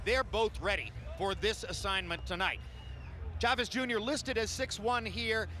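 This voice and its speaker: A man giving live, analytical boxing commentary for a broadcast in full, measured sentences. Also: high-pitched, steady tone, pushed and bright.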